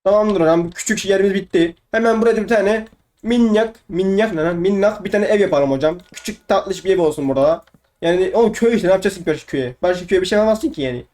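Fast-talking young man narrating gameplay. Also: high-pitched, a little mellow. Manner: fast, chatty, swearing playfully, repeats words. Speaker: gaming YouTuber. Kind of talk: casual let's-play commentary.

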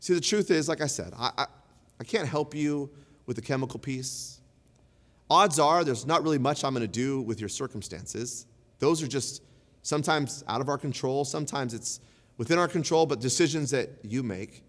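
A man's voice: mid-range voice, normal speed, long reverb tail. A man in his thirties preaching a sermon, telling stories in a loose, conversational way full of fillers. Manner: conversational storytelling, many "like" fillers. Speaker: pastor. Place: large church auditorium.

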